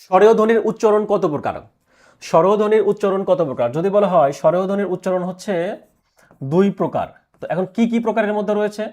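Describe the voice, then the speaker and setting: A male teacher giving an exam prep lecture, asking questions and answering them himself, repeating key answers slowly. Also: sits high, expressive, darkish tone.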